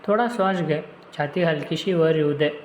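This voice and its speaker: A man voicing a gentle young man who is a tender friend and photographer, speaking softly and coaxingly. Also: on the high side, normal speed, roomy sound, slight background noise, close to an everyday voice. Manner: soft, coaxing.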